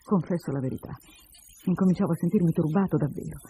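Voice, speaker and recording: A man reading a short story aloud in a measured and expressive first-person narration. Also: fairly high pitch, breathy edge, poor audio. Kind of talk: literary reading.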